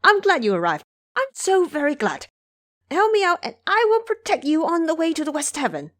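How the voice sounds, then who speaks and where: Woman voicing Sun Wukong, frantic high-pitched monkey demigod. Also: huge pitch swings, normal speed. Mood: frantic, overjoyed. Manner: frantic, eager, yelling. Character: excitable, pleading male monkey demigod, boastful and eager.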